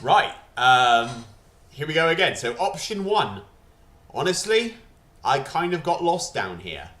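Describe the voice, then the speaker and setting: A man's voice: fairly high pitch, very animated, a little slow, a bit bright. A male streamer chatting playfully on a gaming livestream at a desk microphone, joking between game choices. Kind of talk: casual livestream commentary. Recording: roomy echo.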